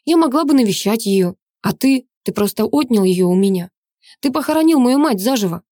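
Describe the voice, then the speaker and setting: A woman's voice: fairly high pitch, expressive, a little fast, no room sound, studio quality, pitched above the performer's own voice, lightly acted. A woman voicing a defiant tearful young daughter. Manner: pleading then shouting, tearful.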